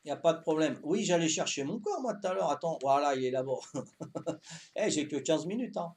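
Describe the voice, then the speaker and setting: A man in his fifties with a Corsican accent, chatting calmly to his viewers during a live game stream, tagging his sentences with "hein" and repeating himself. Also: fairly high pitch. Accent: Corsican French. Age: 50s. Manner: calm, unhurried, talks to chat while playing.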